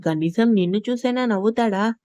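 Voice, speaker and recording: A woman's voice: mid-range voice, brisk, warm tone, no echo, studio quality, close to an everyday voice. A woman doing a scheming old granny. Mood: teasing. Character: older grandmother, fond and scheming.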